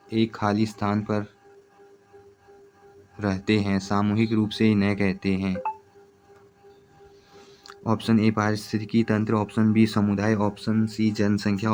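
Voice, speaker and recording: A man teaching exam preparation, reading out multiple-choice questions and their answers in a steady, repetitive way. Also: lowish voice.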